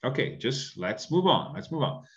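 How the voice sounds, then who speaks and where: A man's voice: mid-range voice, sing-song, moderate pace. A middle-aged man teaching an online English lesson, explaining patiently and often checking in with "right?", recorded on a webcam indoors. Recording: dull lo-fi webcam audio.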